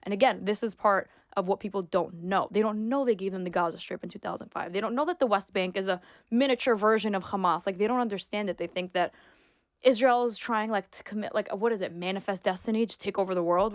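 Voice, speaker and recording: A woman's voice: mid-range voice, no room sound, clean studio sound. A woman in her twenties, from New York, speaking as an interview guest in an emphatic, opinionated way with lots of "like" fillers. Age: 20s. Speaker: guest, sports reporter and influencer. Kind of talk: casual interview talk.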